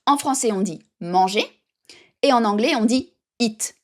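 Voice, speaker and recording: A woman's voice: on the high side, lively intonation, moderate pace, darkish tone. A woman teaching baby sign language in an upbeat, emphatic tutorial, speaking straight to the viewer. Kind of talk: direct-to-camera tutorial.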